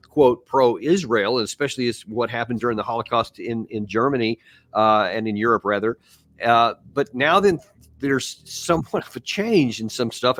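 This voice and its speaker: A man's voice: mid-range voice, a bit bright. A man hosting an interview, talking loosely with many fillers and restarts. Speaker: interview host. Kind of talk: conversational video interview.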